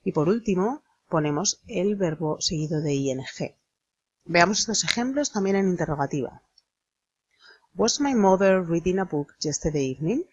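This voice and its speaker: A woman explaining an English grammar lesson in a slow, deliberate manner, spelling out letters. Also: fairly low pitch, expressive, darkish tone, breathy edge, no room sound, lo-fi sound. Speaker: English teacher.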